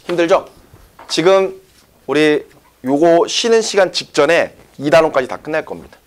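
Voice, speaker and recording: A man's voice: fairly high pitch, normal speed. A man teaching a science class, explaining step by step and often checking whether the students follow. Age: young adult. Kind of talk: classroom lecture.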